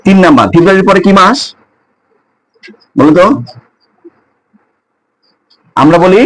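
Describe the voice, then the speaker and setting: A man's voice: high voice, fairly bright tone, rough recording. Man teaching English month names to students. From Bangladesh. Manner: asks students questions and repeats each word slowly. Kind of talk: spoken English pronunciation lesson to students.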